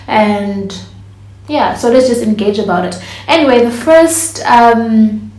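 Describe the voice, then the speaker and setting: A woman's voice: on the high side, slow pace, darkish tone. A woman, chatting casually to camera as a vlogger and laughing often. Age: 20s. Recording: echoey room.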